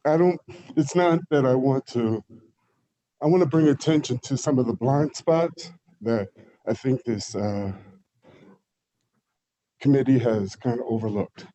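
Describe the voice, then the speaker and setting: A man giving public comment at a board meeting, out of breath and halting, pausing often with fillers. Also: medium pitch, dark tone, poor audio. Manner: halting, hesitant, many fillers.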